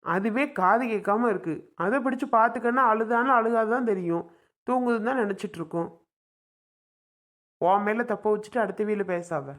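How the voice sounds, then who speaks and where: A woman's voice: mid-range voice, moderate pace, close to an everyday voice. A woman playing a young father in a comedy skit, scolding in an exasperated way.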